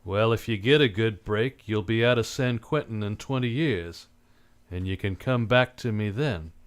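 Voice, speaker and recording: A man's voice: lowish voice, moderate pace, close to an everyday voice. A man playing a cynical, unsentimental private detective in a live old-time radio drama, with terse, blunt, slangy tough-guy delivery. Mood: bitter, resolute.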